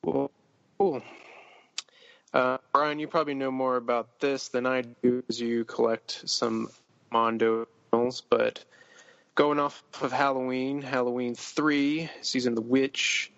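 A man hosting a podcast, asking halting questions and steering the chat. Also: medium pitch, steady tone, gravelly, fairly bright tone, dry recording. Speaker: podcast host. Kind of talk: casual chat. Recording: dry, dull lo-fi sound.

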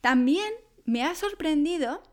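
A woman's voice: high-pitched, expressive, a little slow, a little mellow. A woman from Spain chatting casually to camera, telling stories and acting out other people's voices. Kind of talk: casual storytelling monologue.

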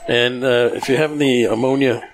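A man's voice: medium pitch, steady tone, moderate pace, slight background noise. A man hosting a cigar podcast, teasing the panel and calling on each person for a rating. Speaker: podcast host. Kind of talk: casual chat. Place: cigar lounge, second floor.

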